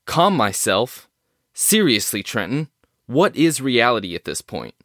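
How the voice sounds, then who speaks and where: A rattled male scientist played by an actor in an audio drama, wordy and emphatic. His mid-pitched voice is recorded dry, with theatrical, formal diction and a skeptical edge. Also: very animated, a little slow, fairly bright tone, dry recording. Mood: agitated, disbelieving.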